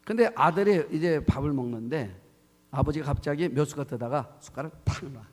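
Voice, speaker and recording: A man's voice: on the high side, expressive, brisk, a little mellow. A male pastor preaching a sermon, telling a story and acting out its dialogue, often asking the congregation questions. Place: church sanctuary. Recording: long church hall reverb.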